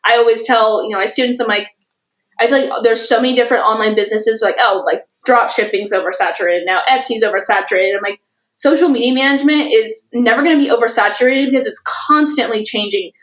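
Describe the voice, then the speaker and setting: A woman talks shop as a podcast guest, her voice sitting a bit high. She rambles through thoughts with plenty of fillers and breaks into laughter easily. The recording carries a noticeable room echo. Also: quick pace, fairly bright tone. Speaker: guest, social media manager and course teacher. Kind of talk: casual podcast conversation.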